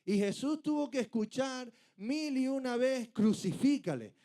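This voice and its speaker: High-voiced emphatic preacher man. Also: unhurried, mellow. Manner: emphatic, rhetorical questions, rising to urgent peaks. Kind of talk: sermon.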